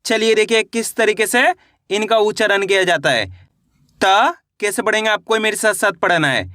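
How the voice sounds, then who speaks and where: A male teacher giving a reading lesson, drawing out syllables slowly and answering his own questions. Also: high-pitched, expressive, pushed and bright, no echo, clean studio sound.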